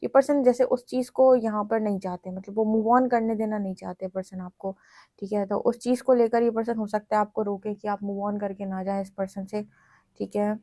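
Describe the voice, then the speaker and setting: An Indian woman gives a tarot reading and talks straight to her viewers in a chatty, reassuring way. Her voice sits at an ordinary middle pitch. The recording is dry and close, with no room echo. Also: fairly even intonation, moderate pace, mellow. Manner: chatty, addresses viewers directly in Hinglish. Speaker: tarot reader.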